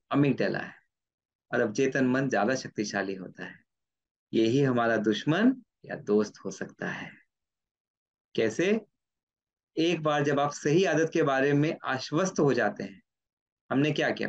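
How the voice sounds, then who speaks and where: A man's voice: mid-range voice, muffled recording. A neurologist giving an explanatory talk, asking himself questions and answering them, repeating his key points. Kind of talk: explanatory lecture.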